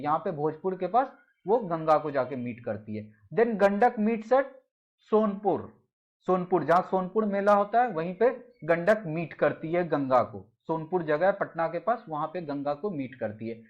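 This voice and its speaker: A man's voice: high voice, lo-fi sound. A man teaching a slide-based geography lesson for exam prep, mixing in English phrases and repeating key names in lists.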